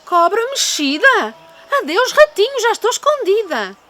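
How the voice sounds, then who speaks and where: A woman's voice: high voice, sing-song, a little slow, sharp tone, a little hiss or hum, exaggerated voice. A woman with a European Portuguese accent voicing an old, foolish, slyly inviting female snake in a storybook, coaxing and exaggerated. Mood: alarmed. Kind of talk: storybook character voice.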